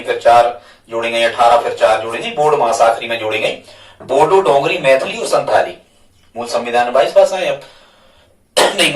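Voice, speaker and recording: A male teacher giving a whiteboard grammar lesson, patiently repeating his questions back to the students. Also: a little high. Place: classroom with a board. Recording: echoey room, mic far off.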